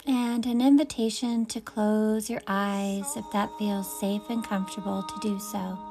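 A woman leading a guided meditation, speaking in soft, soothing invitations. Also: medium pitch, fairly even intonation, a little slow, music in the background.

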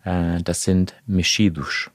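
A man from Portugal, a guest on a podcast, explaining things at length in a relaxed way. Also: sits low, slow pace, dry recording, studio quality. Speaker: podcast guest, magazine editor-in-chief. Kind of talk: casual podcast interview.

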